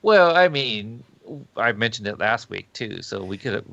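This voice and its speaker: A man's voice: fairly low pitch, big pitch swings, a little slow, gravelly, sharp tone. A man co-hosting a trivia live stream, easygoing and chatty, laughing along with guests. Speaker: co-host of a trivia show. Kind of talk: casual chat on a live stream. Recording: dry, dull lo-fi sound.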